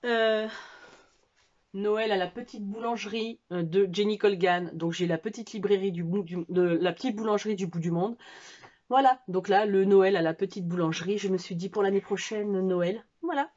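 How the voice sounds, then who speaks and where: A woman's voice: mid-range voice, moderate pace, darkish tone, lo-fi sound. A French woman chatting casually at home about books she bought, hesitant with many fillers and restarts. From France. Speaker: book vlogger. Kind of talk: casual book haul chat.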